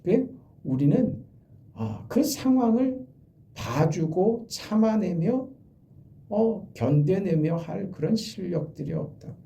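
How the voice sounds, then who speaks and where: A middle-aged male pastor giving an early-morning sermon, earnest, rising to loud emphasis and dropping to quiet trailing line endings. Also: sits high, expressive, slow pace, vocal fry. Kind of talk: dawn prayer sermon.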